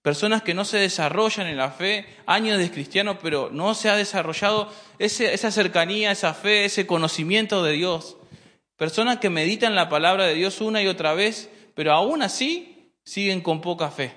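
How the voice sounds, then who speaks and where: A man preaching a sermon, addressing the congregation as brothers and often pausing on rhetorical questions. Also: sits high, pushed and bright. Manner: repeats and restarts phrases while preaching. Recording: hall reverb.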